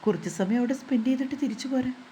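A calm young husband talks to his wife in a soothing, reassuring tone. His voice sits a little high and mellow, as a woman storyteller reads his part. There is a faint hiss under it. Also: very fast, natural voice, low-quality recording.

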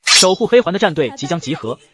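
A man narrating a comic story in a brisk, lively storytelling manner. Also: a little high. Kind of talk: fast scripted comic narration.

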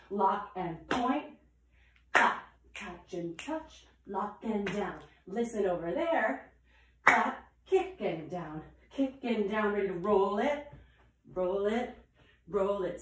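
A woman's voice: mid-range voice, a little hiss or hum. A woman teaching a dance combination, calling out the steps in rhythm with chatty asides, in a room at home. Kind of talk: counting through a dance combination. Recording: echoey room.

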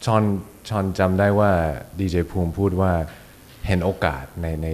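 A man hosting a podcast, asking halting questions and slipping English phrases into his talk. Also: low voice, flat delivery. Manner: halting, mixes English phrases, hesitant restarts. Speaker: podcast host. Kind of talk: casual interview.

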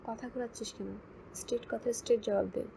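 A woman voicing a bossy young man who leads a group trip, barking and scolding in a gruff, loud manner. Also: a little high, fairly even intonation, quick pace, slight background noise.

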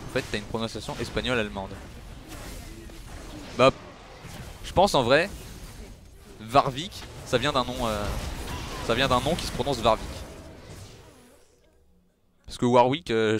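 A man's voice: mid-range voice, normal speed, long pauses, a bit bright, slight background noise. A young man, chatting casually with his viewers while playing and teasing them back. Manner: chatty, teasing, answering chat. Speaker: streamer. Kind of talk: casual gameplay commentary with chat.

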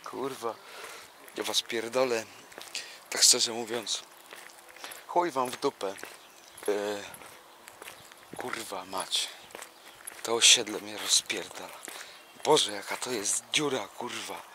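A man's voice: fairly low pitch, slow pace, long pauses, sharp tone. A young man walking through a housing estate, filming himself on a handheld camera and grumbling with constant swearing. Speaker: vlogger. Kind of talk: rambling walking vlog monologue. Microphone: handheld camera while walking. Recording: faint outdoor noise. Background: outdoor ambience, a dog nearby.

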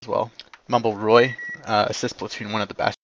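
A man commanding players in an online war game, giving clipped orders and quick corrections over voice chat. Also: on the low side, little pitch movement, muffled recording, slight background noise.

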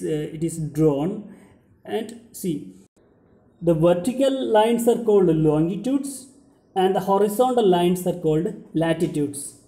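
A young man with a high, very mellow voice gives a lecture like a schoolteacher. He explains each point and then restates it. The room adds noticeable echo. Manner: lecturing, explanatory, repeating and rephrasing key points. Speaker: geography teacher. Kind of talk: slide lecture. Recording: roomy indoor echo.

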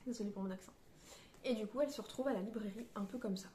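A woman's voice: medium pitch, very fast, dark tone, reverberant, a little hiss or hum. A woman reviewing a novel in a casual book vlog, hesitant and searching for her words, with many fillers and restarts. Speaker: book vlogger. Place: on a beach.

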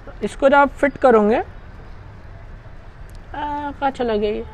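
A gear reviewer with a high-sitting voice chats her way through a hands-on product installation, working step by step at a slow pace. The recording is rough.

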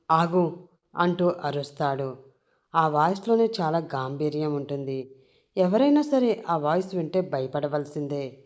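Female narrator for a dramatic audio story, lower voice, warm and mellow. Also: dull audio.

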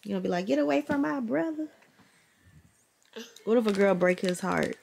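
Expressive and a little mellow, with vocal fry at a medium pitch, a young woman raised in Atlanta after being born in New Orleans vlogs at a moderate pace. She laughs and talks playfully to viewers and her daughter in her bedroom, filmed close on a handheld camera with an Atlanta accent.

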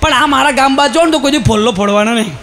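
A man with a Gujarati accent telling a comic story on stage, animated and shouting punchlines as he acts out the people in it. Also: very high-pitched, very fast. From Gujarat, India. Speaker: stand-up comedian.

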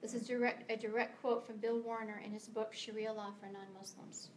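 Slightly high and a little fast, this American guest author's voice is somewhat mellow yet flat in delivery. The middle-aged woman is giving an earnest, emphatic prepared speech in a library meeting room, stumbling now and then over a slight hiss or hum.

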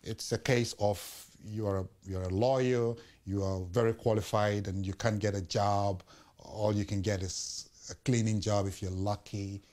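A man's voice: on the low side, normal speed. Man telling his story in an interview. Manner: relaxed storytelling, acts out quoted voices. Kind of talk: documentary interview. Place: indoor room with art behind.

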